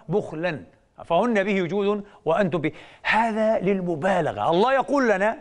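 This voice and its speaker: Brief: middle-aged male scholar lecturing, quick and emphatic, keeps quizzing his listeners. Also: high voice. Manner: rhetorical questions to the audience, teacherly, emphatic. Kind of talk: religious lecture.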